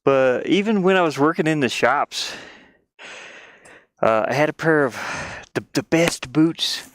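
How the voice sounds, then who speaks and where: A game developer chats casually on a livestream while working in his van, rambling and thinking out loud. He speaks a little slowly in a fairly high voice, with dry, studio-quality sound, while the diesel heater fan hums and clicks in the background.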